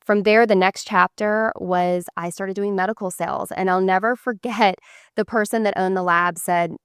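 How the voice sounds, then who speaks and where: A woman's voice: medium pitch, fairly even intonation, moderate pace, clean tone, no echo, clean studio sound. A woman guest in an interview, speaking in an earnest, motivational way about her own path. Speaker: guest, foundation founder. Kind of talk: casual interview chat.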